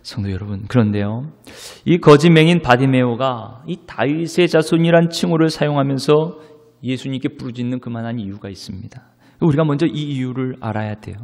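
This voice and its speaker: A male pastor preaching a sermon, dramatic, moving between loud declarations and hushed whispers. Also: medium pitch, brisk, creaky. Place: church sanctuary. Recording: long church-hall reverb.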